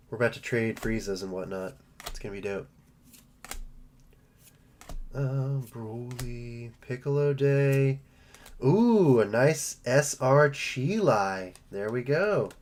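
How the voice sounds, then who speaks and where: Guy rambling and joking on a card stream, mid-pitched, faint hiss behind. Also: a little mellow. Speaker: host of a card-opening live stream. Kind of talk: casual live stream chat.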